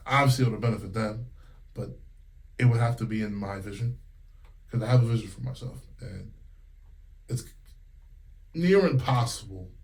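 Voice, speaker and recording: The recording is rough, and his voice lies on the low side. He's a Connecticut man in his thirties who sings and teaches music, talking candidly and casually in an interview with many fillers and quoted retellings.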